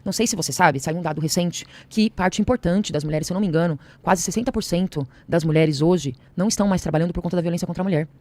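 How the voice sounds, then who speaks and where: A woman's voice: lowish voice, rapid-fire, hardly any pauses, darkish tone, no echo. A woman arguing in a heated studio podcast debate, insistent and repeating her phrases with many fillers.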